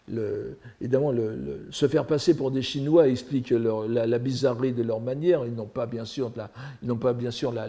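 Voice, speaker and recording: A man giving a literature lecture, reading passages aloud between halting asides, often stumbling over and repeating small words. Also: medium pitch, mellow.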